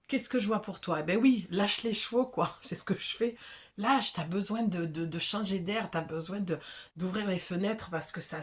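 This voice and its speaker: Low-voiced southern French woman reading cards. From south of France. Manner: chatty and familiar, with frequent check-ins. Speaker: oracle card reader. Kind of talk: casual spiritual card reading to the viewer.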